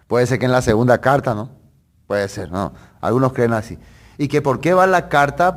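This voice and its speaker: A man at medium pitch preaches a sermon that works through a Bible passage in a conversational way. He poses rhetorical questions and corrects himself as he goes.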